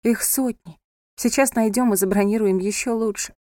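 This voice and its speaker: A woman voicing a calm, sensible pregnant young woman who speaks evenly with dry irony. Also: fairly high pitch, moderate pace, no echo, close to an everyday voice. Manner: calm, wry.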